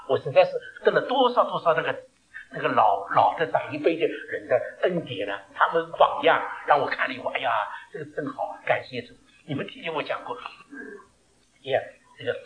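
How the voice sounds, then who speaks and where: A man preaching a sermon, telling stories and asking rhetorical questions, swinging between loud and hushed delivery. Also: a little high, poor audio.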